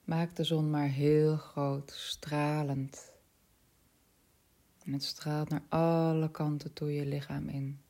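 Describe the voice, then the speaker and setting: A woman leading a spiritual guided meditation in a soft, slow voice that often drops to a whisper. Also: deep voice, little pitch movement.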